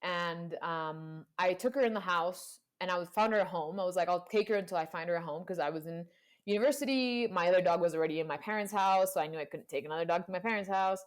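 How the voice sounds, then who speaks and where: Speaking quickly in a low-leaning voice, this young guest with roots in Panama and Colombia shares a personal story in a relaxed chat. She voices the people she quotes and leans heavily on "like."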